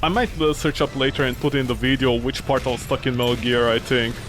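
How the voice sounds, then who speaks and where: With game music blaring behind him, a man streams a game and rambles casually, swearing and shifting between loud outbursts and quiet mumbling. He talks quickly with fairly even intonation; he grew up with French and Italian, so English isn't his first language.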